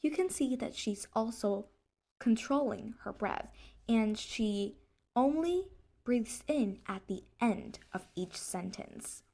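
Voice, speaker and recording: A woman's voice: on the high side, animated, slow pace, vocal fry, warm tone. Vietnamese-accented young woman teaching English. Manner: explanatory, stresses key words while demonstrating. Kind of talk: English pronunciation lesson.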